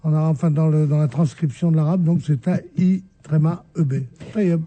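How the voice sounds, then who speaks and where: A man on a radio panel talking in halting, repetitive bursts, then turning mockingly indignant. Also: on the high side, fairly even intonation, mellow. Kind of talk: casual radio banter.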